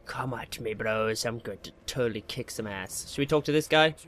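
A man with a mid-range, slightly bright voice talks at normal speed while hosting a gaming video. His Let's Play commentary is casual, full of jokey, slangy asides to himself, with video game music behind him.

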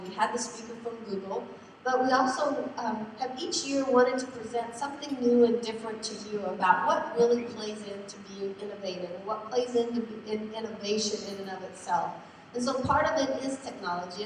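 A woman with a head cold and a squeaky voice, chatty and self-deprecating, giving a conference welcome as host. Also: a little hiss or hum. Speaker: conference host, foundation executive director. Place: large conference hall. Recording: echoey hall from far off.

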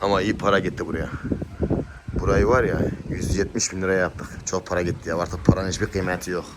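A man talking casually to camera and coaxing his dogs in a yard with short repeated commands, now and then calling out high and loud. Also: fairly even intonation, fast. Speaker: dog owner vlogger. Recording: loud background noise outdoors.

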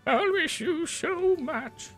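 A man's voice: lively intonation, over music, heavily acted. A man doing a warbling old-lady mom. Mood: doting. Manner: high warbling falsetto, slow and fussing. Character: sweet doting elderly mother, a bit scatterbrained. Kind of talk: video game voice acting.

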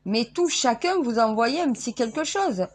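A woman from France talks casually to her viewers, rambling from one thought to the next and stumbling over restarts. Her voice sits a little high, and she breaks into laughter often. A faint hiss of background noise runs under the recording. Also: expressive, normal speed. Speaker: self-styled spiritual vlogger.

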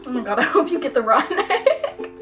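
A young woman vlogging at home with a high, very lively voice. She is giggly and grossed out, eating gross jelly beans, with music clearly playing behind her. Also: brisk. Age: young adult. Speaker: vlog host. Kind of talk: casual vlog chat. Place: small room at home, indoors. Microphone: camera a short distance in front.

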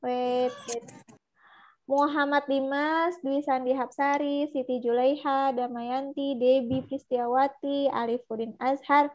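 High-voiced woman teaching an online class. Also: fairly even intonation, a little mellow. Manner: brisk, encouraging, calls out names. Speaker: English teacher. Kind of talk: online class mixing English and Indonesian.

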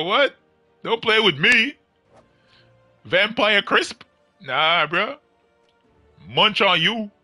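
A man's voice: on the high side, pushed and bright. A young man chatting casually with viewers on his game livestream, joking and laughing often in slangy talk.

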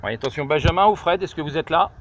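Here a middle-aged man, an amateur radio operator testing a handset, speaks at a quick pace in a voice on the high side. His informal calls wander with hesitations and repeats as he stands outdoors high above the countryside. Clicks and noise mark the outdoor phone-camera audio, recorded just behind his shoulder.

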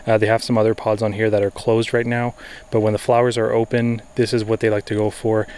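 A man's voice: lowish voice, flat delivery, fast, a little mellow, clean tone. A man in his thirties giving an informal, enthusiastic explanatory nature vlog to a camera held at arm's length out in the jungle. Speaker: wildlife photographer and vlogger. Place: outdoors in jungle, orchard and by a river. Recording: faint outdoor ambient noise.

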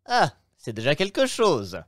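A man reading aloud and voicing an impetuous, playful young gentleman traveler with a raised voice. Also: a little high, huge pitch swings, measured pace, no echo, studio quality, voice pushed up. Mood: lively. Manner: exclamatory, playful.

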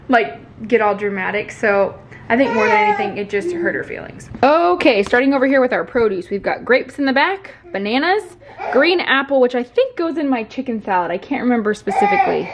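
A woman in her twenties, a Texas lifestyle vlogger, chats upbeat and hands-in-motion to a camera on a tripod across her home kitchen. Her voice sits a little high, and there's slight background noise.

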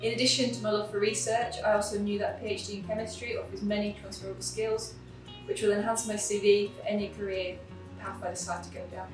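A woman's voice: medium pitch, little pitch movement. Young Czech-born woman in an echoey lab. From Czech Republic. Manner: earnest, measured, with occasional ums. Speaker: PhD chemistry student. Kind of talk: scripted explanation to camera. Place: chemistry lab, indoors. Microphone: camera at a distance. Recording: echoey lab room with distant mic, music behind.

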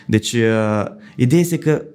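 A man's voice: medium pitch, darkish tone. Man explaining as a psychologist. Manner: explains with worked examples, often checks in with "da?". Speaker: psychologist guest. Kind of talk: explanatory interview talk.

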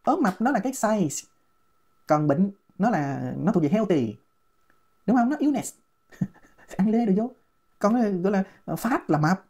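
A woman's voice: medium pitch, very animated, measured pace, long pauses, darkish tone, slightly rough. A woman with a Southern Vietnamese accent, giving a mocking, scolding commentary rant. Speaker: online commentator. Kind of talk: ranting commentary.

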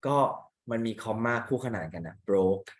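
A man's voice: low-pitched, unhurried. A man teaching English in Thai, talking through an exam reading and putting questions to his students, with a Thai accent on English words. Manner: chatty, asks students rhetorical questions. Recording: echoey room.

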